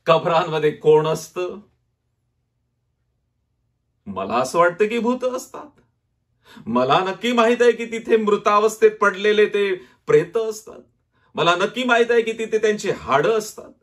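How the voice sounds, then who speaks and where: A male pastor with a Marathi accent preaching a sermon dramatically, often dropping to a low, quiet voice. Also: sing-song, normal speed.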